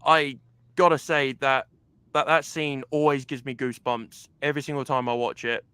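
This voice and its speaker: A man's voice: medium pitch, flat delivery, moderate pace, bright, forceful tone, smooth, dry recording. A man hosting an interview, talking eagerly and casually with many fillers like a devoted fan. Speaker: host.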